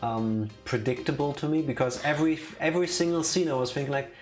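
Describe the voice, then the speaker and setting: Before starting a game stream, this streamer talks fast in a darkish, mid-range voice, opinionated and teasing in a playful way. Background music plays throughout.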